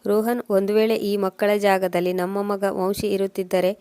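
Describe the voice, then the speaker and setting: A woman reads a worried young wife from a storybook, in an even, pleading way. The voice stays level and mellow. The sound is dry and close. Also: mid-range voice, normal speed, clear, resonant tone, dry recording, natural voice.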